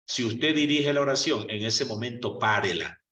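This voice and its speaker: A man's voice: medium pitch, animated, moderate pace, sharp tone. A man preaching on prayer in a conversational way, full of rhetorical questions and acting out quoted prayers. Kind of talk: conversational sermon. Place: church meeting hall. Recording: roomy hall, distant mic.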